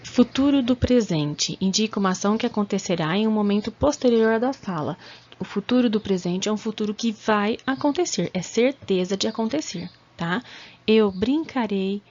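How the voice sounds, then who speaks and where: A woman teacher with a Brazilian Portuguese accent explaining verb tenses in a recorded lesson, often checking in with "tá?" and slowing down to spell out conjugations. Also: mid-range voice, expressive, a little mellow. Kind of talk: recorded remote class lesson. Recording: slightly dull lo-fi audio.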